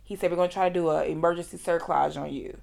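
A woman's voice: fairly low pitch, steady tone, fast, creaky, a little mellow. A woman hosting a podcast, telling a personal story in a conversational way and acting out what others said. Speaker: podcast host.

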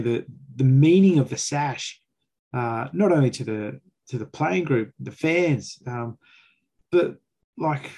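A man's voice: mid-range voice, mellow, breathy edge. An Australian man hosting a fan sports chat, giving critical, emphatic opinions in colloquial language. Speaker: fan podcast host.

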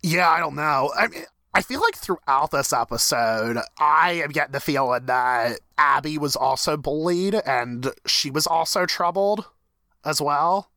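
Bright, animated man in his thirties. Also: a little slow, no echo. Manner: animated, jumps high in pitch when acting out reactions. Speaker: podcast co-host. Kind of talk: casual discussion of a TV episode.

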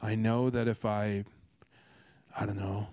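Earnest man, smooth low voice. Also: little pitch movement, takes it slowly, a little mellow, no room sound. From Canada. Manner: earnest, rambling, many restarts and fillers. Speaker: speaker sharing a devotional. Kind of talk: casual devotional talk.

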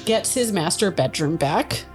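A woman's voice: on the low side, expressive, unhurried, over music. A woman playing a tabletop game, talking casually and reading out items with dry humor. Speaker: player.

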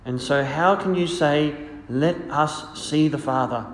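A priest reading the gospel and preaching a homily in a slow, measured, solemn way, heard with a cathedral-like echo. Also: male voice, on the high side. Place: large church. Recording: long reverberant church echo.

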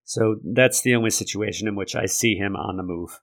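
A man hosting a sports podcast solo, talking analytically and conversationally in a gravelly voice left raspy by a lingering cold. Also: fairly low pitch, fairly quick, a bit bright. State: raspy from a lingering respiratory infection. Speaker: podcast host. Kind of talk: sports commentary monologue.

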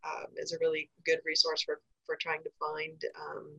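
An American woman giving informal information as a podcast guest, in a halting, hesitant way. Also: sits low, monotone, creaky, pushed and bright, highs cut off. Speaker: podcast guest, safe zone trainer.

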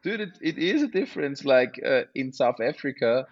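A man with an Austrian accent, a native German speaker, chatting casually and haltingly as he searches for words. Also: mid-range voice, sing-song, lo-fi sound. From Austria, small village. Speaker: interview guest, mountain bike rider. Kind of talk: casual chat.

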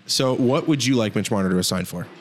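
A man co-hosting a casual hockey podcast, joking and rambling with quick asides. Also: lowish voice, a little hiss or hum. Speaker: podcast co-host.

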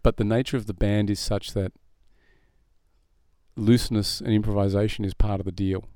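A man's voice: lowish voice, little pitch movement, moderate pace, dark tone, smooth, no room sound, studio quality. A middle-aged musician, a man, chatting as a podcast guest, rambling and self-deprecating with frequent laughs. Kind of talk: casual podcast interview.

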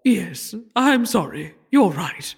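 Husky, melodramatic, haughty queen. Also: mid-range voice, sing-song, takes it slowly, exaggerated voice. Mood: tentative.

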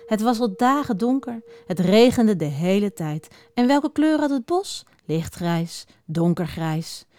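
A woman reading a picture book aloud to young children, expressive and speaking right to them. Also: on the high side, moderate pace. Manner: expressive, talks directly to children.

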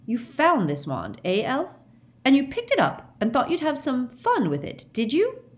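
A woman's voice: high-pitched, huge pitch swings, a little slow, pitched above the performer's own voice, full character voice. A woman voicing a blustering middle-aged male wizard official who barks and growls his accusations. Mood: harsh accusing. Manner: barking, growling, loud accusations.

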